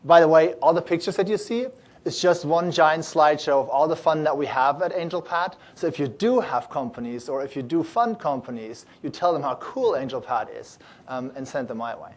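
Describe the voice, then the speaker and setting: Animated man giving a conference talk. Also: on the high side, a little fast. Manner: many fillers and restarts, animated and upbeat. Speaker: startup accelerator founder giving a talk.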